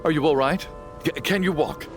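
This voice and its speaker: A man voicing a good-natured, anxious middle-aged father in a video game, hesitant and stammering, with expressive delivery. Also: fairly high pitch, moderate pace, natural voice. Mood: relieved, grateful. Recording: loud game music underneath. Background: loud music.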